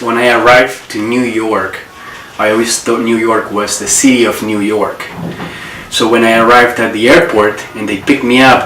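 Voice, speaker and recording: A man in his forties from Colombia, speaking English, who tells his life story reflectively and pauses to recall details. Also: on the low side, fairly bright tone, a little hiss or hum. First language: Spanish. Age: 40s. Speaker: interviewee. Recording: roomy echo, distant mic, faint ambience.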